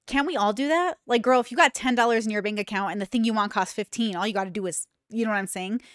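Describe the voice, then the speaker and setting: A podcast host in her thirties, with a mid-range voice and fast delivery, reacts candidly and emphatically to clips in chatty casual commentary. She records from a small home room on a desk mic mounted on a boom arm, wearing earbuds, and the sound is studio quality with no room sound.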